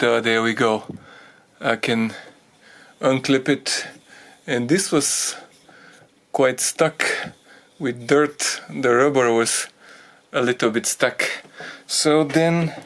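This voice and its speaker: A man explaining a car repair as he works on it, thinking aloud in halting phrases and getting out of breath from the effort. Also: mid-range voice, fairly bright tone. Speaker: DIY car repair presenter. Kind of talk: hands-on repair tutorial.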